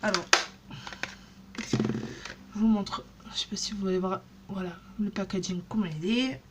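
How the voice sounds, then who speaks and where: A woman's voice: medium pitch, fairly even intonation, measured pace, noisy background. A woman in her thirties chatting casually in a haul vlog, rambling with many fillers and restarts. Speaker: beauty vlogger.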